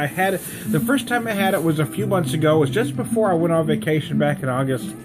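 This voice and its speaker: A man giving a casual, rambling, jokey tasting review as a vlog host. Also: on the high side. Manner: jokey, rambling, chuckles at own asides.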